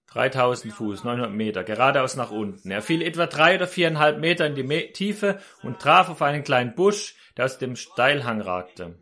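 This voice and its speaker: A man's voice: mid-range voice, sharp tone. A man preaching a sermon, telling a story and speaking directly to his listeners.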